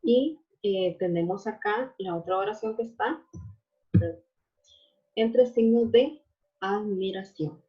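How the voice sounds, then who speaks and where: A woman's voice: medium pitch, slow, long pauses. A woman teacher giving a recorded class lecture, explaining patiently with frequent fillers and tag questions. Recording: dull lo-fi audio.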